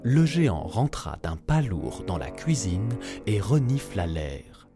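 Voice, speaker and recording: A man reading a children's fairy tale aloud, telling it in a slow, expressive way. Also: on the low side, over music. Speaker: narrator.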